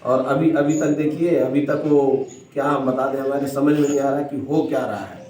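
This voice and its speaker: A man narrates a relaxed vlog, addressing viewers and comforting someone with repeated phrases. He talks at a normal speed in a steady, medium-pitched voice that's a little mellow. The sound is distant and echoey, with a faint noise floor.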